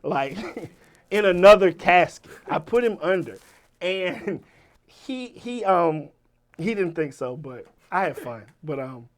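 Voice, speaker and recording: A man in his forties telling a story as an interview guest, profane and swinging from loud bursts to low mutters. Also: expressive, takes it slowly. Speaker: rapper guest. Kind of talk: animated storytelling.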